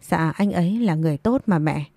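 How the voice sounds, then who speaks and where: Young daughter in a storybook reading, voiced by a woman: pregnant, frightened, soft slow pleading, dry close sound. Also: lowish voice, animated, vocal fry, dry recording.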